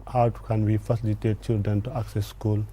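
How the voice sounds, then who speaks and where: A man giving formal, deliberate interview answers as an official guest. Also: on the low side, flat delivery, dark tone, a little hiss or hum. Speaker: education ministry guest.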